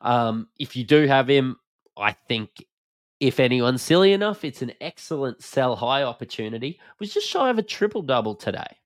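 Male podcast host, broad Australian accent, informal sports banter, mid-pitched, dry recording. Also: very animated, moderate pace, no echo. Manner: informal, matey, slangy. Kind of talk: casual basketball analysis chat.

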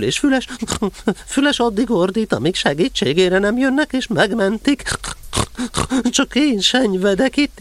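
Plaintive, high-voiced little piglet. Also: male voice, a little hiss or hum. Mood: self-pitying. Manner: plaintive, fretful grumbling. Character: small timid piglet, plaintive and self-pitying storybook animal. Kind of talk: audio drama character acting.

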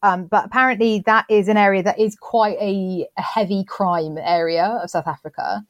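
A woman's voice: mid-range voice, fairly even intonation, moderate pace, no room sound, highs cut off. Woman, podcast co-host, casual chat, self-deprecating, dry close mic. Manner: chatty, self-deprecating, many restarts.

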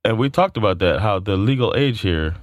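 Casual co-host, man, 30s, deep voice with lots of pitch movement, dry mic, stop-start rambling delivery. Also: lively intonation, a little fast, dry recording. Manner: rambling, many fillers and restarts. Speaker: podcast co-host. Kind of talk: casual chat.

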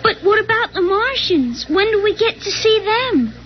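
Wondering little boy, really high voice, dull old radio disc. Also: sing-song, normal speed. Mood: puzzled, wondering. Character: eager, wondering, polite young boy. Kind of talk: 1950s radio drama acting.

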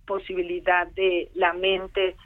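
A woman's voice: on the low side, monotone, slow pace. A woman, a psychoanalyst joining a casual discussion and thinking aloud in a reflective way. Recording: phone line.

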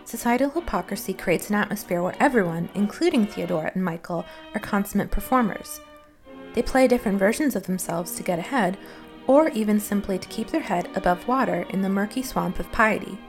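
Woman, medium pitch, articulate scripted film-essay narration, measured delivery, light music behind. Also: animated. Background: music under the voice.

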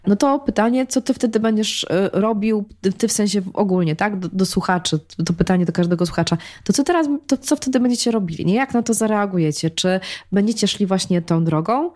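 A woman's voice: medium pitch, brisk, darkish tone. A woman speaking as a podcast guest in casual conversation, engaged and talkative, often restarting phrases.

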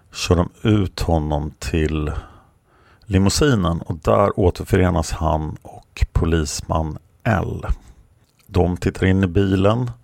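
A man narrating a true story, reading passages from a book aloud with his own commentary in a steady, plain manner. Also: sits low, gravelly, no room sound, studio quality. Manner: steady, plain, occasional hesitations.

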